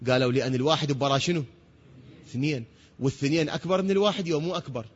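A man preaching a religious lecture, asking rhetorical questions and answering them himself, sometimes stretching words into long shouts. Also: on the high side, rapid-fire, slightly rough. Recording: dull sound with long hall reverb.

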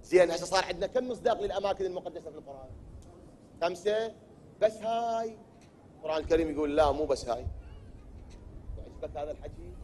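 A man preaching a sermon in Iraqi Arabic, asking rhetorical questions and answering them himself, at times building to loud, emphatic declaiming. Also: high voice, expressive, fast, pauses often, slight background noise. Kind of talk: religious sermon.

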